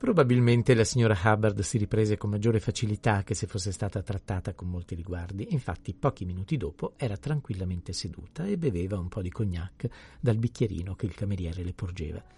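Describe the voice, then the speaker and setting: A man calmly reading a novel aloud as an audiobook narrator. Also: fairly low pitch, a little fast, hardly any pauses, breathy edge. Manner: calm, even storytelling. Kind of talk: scripted narration.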